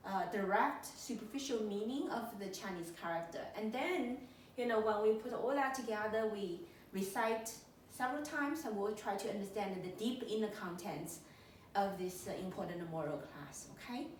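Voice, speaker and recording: A woman teaching a slow, patient lesson, saying words over and over for her listener. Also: mid-range voice, slight background noise. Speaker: lecture teacher. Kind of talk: slow spoken language lesson. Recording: echoey room, voice from far off.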